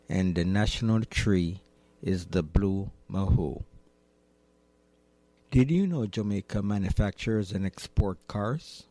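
Low, slow-paced man reading radio bulletins. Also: warm tone, no room sound. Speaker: radio presenter. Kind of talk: scripted facts and weather reading.

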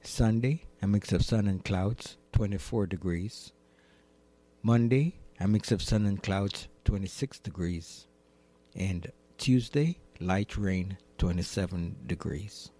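Low, slow-paced man reading radio bulletins. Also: dark tone. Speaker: radio presenter. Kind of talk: scripted facts and weather reading.

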